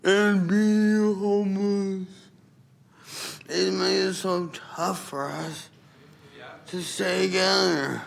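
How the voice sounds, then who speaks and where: A man giving unscripted personal testimony at a public meeting, halting and plain-spoken, with somewhat impaired articulation. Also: high voice, fairly even intonation, gravelly. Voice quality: impaired articulation from a dislocated jaw. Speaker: public commenter. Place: council chamber at public microphone. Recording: faint background noise in meeting room.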